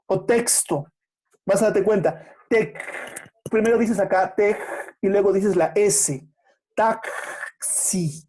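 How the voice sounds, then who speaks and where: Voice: medium pitch, dark tone. Patient teacher. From Peru. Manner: patient, explanatory, poses rhetorical questions and answers them; slows down to spell out sounds and letters. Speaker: secondary school language teacher. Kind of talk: remote class lesson.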